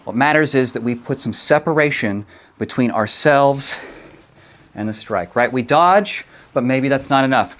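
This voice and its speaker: A man's voice: medium pitch, moderate pace, fairly bright tone. A man teaching a martial arts lesson, explaining moves step by step and checking in with short tag questions. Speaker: karate instructor.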